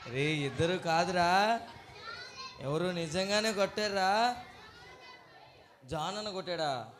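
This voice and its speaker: Here the male host speaks slowly in a high-pitched voice, exclaiming and quizzing the children at a church puppet show. The talk with the kids and a puppet is energetic, and the live recording is loud, filled with the sounds of a children's crowd.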